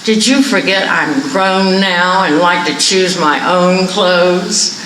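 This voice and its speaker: A woman's voice: fairly low pitch, slow pace, fairly bright tone, slight background noise. A woman voicing a sarcastic, defensive grown daughter in a read-aloud short story, in an echoey room far from the mic.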